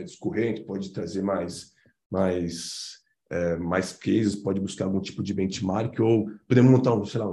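A man's voice: sits low, mellow, roomy sound. A man giving an informal business presentation to a committee, talking loosely with lots of fillers and slangy interjections.

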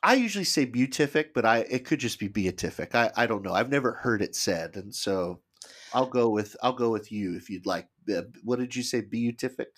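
A man's voice: medium pitch, animated, brisk, a bit bright. A man co-hosting a casual podcast, tentatively explaining a book at length. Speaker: podcast co-host.

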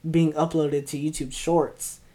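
A twenty-year-old woman hosts a solo podcast, rambling through casual chat and tripping over her words in an upbeat way. Her voice is low-pitched, level, unhurried and warm. She speaks into a podcast mic and is also being filmed for video.

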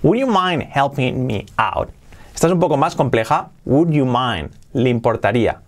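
Giving an English lesson on video for Spanish speakers, a man goes through phrases slowly, repeating them to demonstrate pronunciation. His pitch is medium and his intonation lively.

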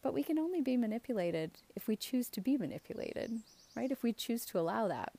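A woman's voice: a little high, big pitch swings, fairly quick, vocal fry, dark tone. A middle-aged woman giving a casual, earnest motivational talk as a coach, speaking out of the side of her mouth and checking in with emphatic questions. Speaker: self-esteem coach hosting a show.

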